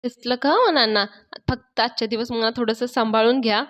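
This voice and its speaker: A woman's voice: a little high, brisk, a bit bright, lightly acted. A woman voicing a young man who is an eager, bossy helper and speaks in a pushy, coaxing way. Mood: urging.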